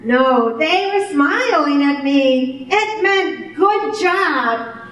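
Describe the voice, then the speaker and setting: An older woman telling a first-person story, unhurried and expressive. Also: sits high. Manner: unhurried, expressive delivery with amused laughter. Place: storytelling event hall. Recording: very echoey hall, voice far from the mic.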